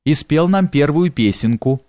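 A man's voice: fairly high pitch, expressive, unhurried, darkish tone, dry recording, studio quality, voice pushed up. A man voicing a fussy old woman nurse in an audiobook, talking in a raised, whining, pleading voice. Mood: chatty.

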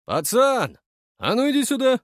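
A man's voice: sits high, big pitch swings, measured pace, darkish tone, dry recording, voice pushed up, exaggerated voice. Male narrator playing a big growling thug, heavy-handed, dry close sound. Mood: suspicious. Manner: growling, bullying. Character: hulking hungover village thug, gruff and suspicious.

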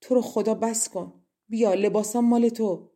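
A woman's voice: medium pitch, mellow, lightly acted. A woman voicing a sad, helpless young princess who pleads in despair.

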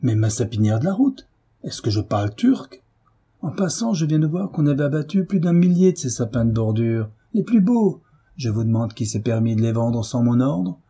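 A man's voice: mid-range voice, lively intonation, moderate pace, warm tone, husky, pitched above the performer's own voice. A man voicing a rude, domineering middle-aged husband who scolds harshly in an audiobook reading. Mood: angry.

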